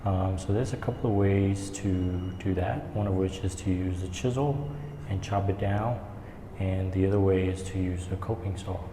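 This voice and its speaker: A man giving a hands-on woodworking tutorial in an echoing stairwell, explaining step by step in a casual, halting way. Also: low voice, fairly even intonation. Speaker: woodworking instructor. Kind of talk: hands-on tutorial, talking while working. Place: indoor staircase with strong echo. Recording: echoey stairwell, long reverb, background noise.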